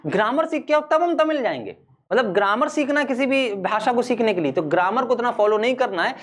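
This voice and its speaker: A male teacher gives a chatty spoken-English lesson, slowly drilling English phrases. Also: very high voice, lively intonation, fairly bright tone.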